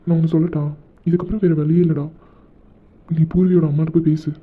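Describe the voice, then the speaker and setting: A man's voice: fairly high pitch, little pitch movement, fast talker, husky. A man voicing Aadhi, a blunt, teasing young man who scolds and bosses his friend, in an amateur audio drama. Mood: scolding. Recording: tinny phone-like recording.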